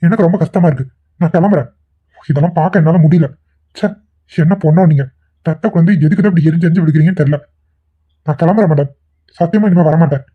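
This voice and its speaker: A man voicing a soft-hearted young cartoon hero with a slightly raised voice who talks rapidly and earnestly. He keeps pleading to be understood. The sound is tinny and phone-like. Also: a little high, slightly rough. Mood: stern. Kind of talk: cartoon voice acting.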